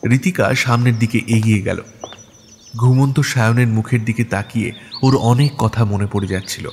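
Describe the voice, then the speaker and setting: A man narrating an audio story in a steady, measured reading style. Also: mid-range voice, a little hiss or hum.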